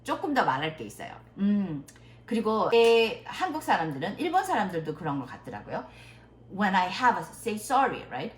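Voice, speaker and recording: A middle-aged woman, a native Korean speaker, giving a casual English conversation lesson and stretching out her English examples slowly. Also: medium pitch, sing-song. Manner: slow, drawn-out English demonstrations. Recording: echoey room, faint noise.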